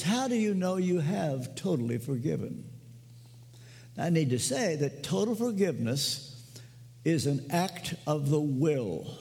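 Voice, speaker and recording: An older man preaching a sermon in a slow, emphatic way with dramatic pauses. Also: on the high side, creaky, dark tone, long reverb tail. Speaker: pastor.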